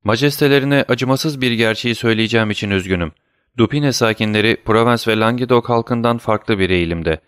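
A man's voice: medium pitch, fairly quick, clear, resonant tone, dry recording, studio quality, pitched above the performer's own voice, natural voice. A man voicing an earnest young male prosecutor who speaks eagerly and apologetically to a king.

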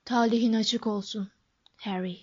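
A woman voicing a wise old male wizard headmaster who speaks quietly and in a measured way, in a storybook reading on a dull, lo-fi recording. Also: a little high, steady tone, natural voice.

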